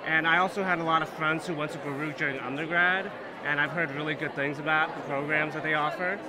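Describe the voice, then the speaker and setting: A graduate student in his twenties, born in Hong Kong and raised in New York, earnestly answers questions in a casual interview, filling gaps with lots of "you know." His slightly high, steady voice moves quickly over a rough recording with loud crowd chatter behind.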